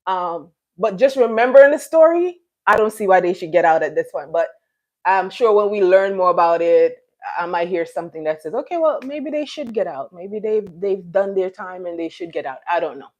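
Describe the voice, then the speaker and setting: Animated and a little mellow, a middle-aged woman from Jamaica speaks at a moderate pace and medium pitch while hosting a casual live stream. Her talk with viewers is chatty and rambling, packed with fillers and restarts.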